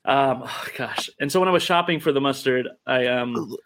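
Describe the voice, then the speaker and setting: A man's voice: medium pitch, normal speed, fairly bright tone, slight background noise. A man, a priest hosting a casual group livestream, talks in a rambling, playful way and often corrects himself mid-sentence.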